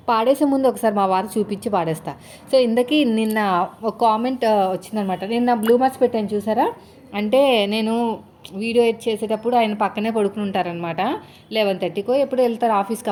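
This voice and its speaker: A woman's voice: mid-range voice, a little mellow. A woman in her thirties from India, talking casually to her viewers while doing chores, chatty and rambling with lots of fillers. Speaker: vlogger, housewife.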